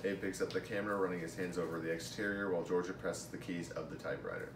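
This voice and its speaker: During a script read-through in a room at home, a young adult man speaks both a part and the stage directions in a low, fairly level voice at a fast clip. A camera several feet away records him, giving a distant, echoey sound with noticeable noise.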